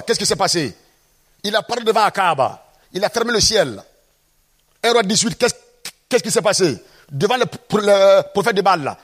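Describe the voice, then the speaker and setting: A man's voice: sits high, a bit bright, husky. A man preaching a sermon, emphatic and often putting questions to the congregation.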